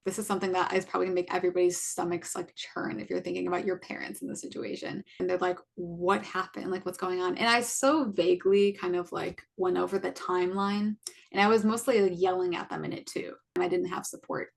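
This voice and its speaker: A woman's voice: on the low side, steady tone, quick pace, gravelly. A woman in her twenties, a podcast co-host, earnestly telling a personal story in a casual way, full of fillers. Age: 20s.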